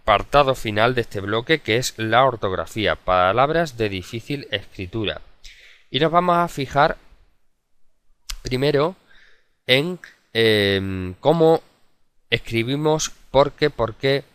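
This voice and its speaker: Man, teacher, lowish voice, video tutorial lesson, methodical, hesitant fillers. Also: fairly bright tone, clear, resonant tone. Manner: methodical and explanatory, with frequent hesitation sounds. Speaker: adult education teacher.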